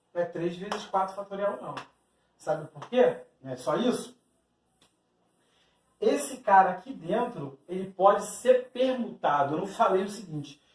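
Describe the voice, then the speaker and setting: Recorded from a distance with reverberant sound, a high-voiced man with a Brazilian Portuguese accent teaches exam-prep math. He explains each step, speaks directly to the student, and plays out the student's questions himself.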